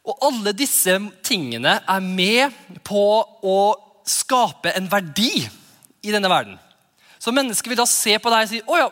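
Guy pastor giving a sermon, high bright voice, lively, lots of acted-out quotes. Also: big-room sound. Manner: lively preaching with quoted dialogue.

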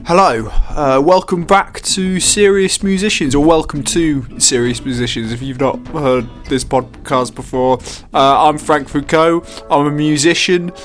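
A man's voice: on the high side, a little slow, hardly any pauses, soft background music. A man hosting a podcast in casual chat, rambling and self-mocking with lots of fillers. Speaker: podcast host.

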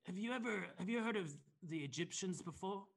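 In a high, creaky voice with lively intonation, a man plays a greedy, self-important motivational speaker, rambling earnestly at a brisk clip. The performance is heavily acted and smug, capturing a sleazy, money-hungry character.

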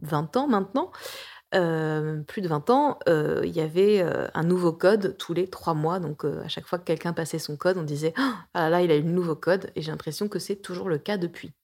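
A woman of about forty, a coach and therapist, reads her blog articles aloud on her podcast in a lowish, darkish voice at a moderate pace. She's playful and jokey, tossing in self-mocking asides, and her chatty delivery is full of hesitations and restarts.

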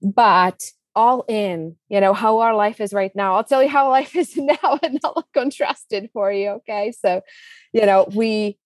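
In a casual interview, a business coach from the Czech Republic in her thirties tells her story with enthusiasm, plenty of fillers and a Czech accent. Her medium-pitched voice runs a little slow, captured in studio quality without echo.

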